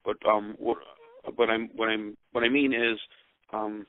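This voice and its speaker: An American man speaking over the phone as a musician giving casual interview answers, rambling and pausing often. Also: on the low side, little pitch movement, dry recording. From Utica, New York, United States. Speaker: rock band musician and songwriter being interviewed. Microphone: telephone. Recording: dull, narrow-band phone line.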